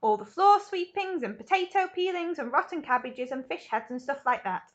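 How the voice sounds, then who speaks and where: A woman voicing a calm, offhand, eccentric male factory owner in a storybook reading. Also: high voice, moderate pace, lo-fi sound, pitched above the performer's own voice.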